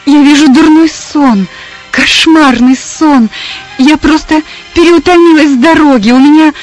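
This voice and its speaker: A woman's voice: high voice, a little slow, faint music behind, pitched above the performer's own voice, poor audio. A woman voicing a proud rich young woman in hysterical despair, crying out shrilly. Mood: pleading frantic.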